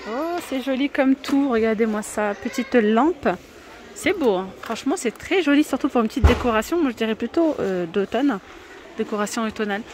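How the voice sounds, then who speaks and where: A woman's voice: on the high side, animated, normal speed, over music. A woman vlogging in a discount store, chatty and enthusiastic, with lots of hesitations as she points out new items. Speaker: shopping vlogger. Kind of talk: casual store walkthrough. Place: inside a large discount store.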